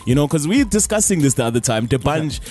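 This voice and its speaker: A man hosting a live radio interview, with lively, joking patter. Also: fairly high pitch, quick pace, soft background music. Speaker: radio host. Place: radio studio.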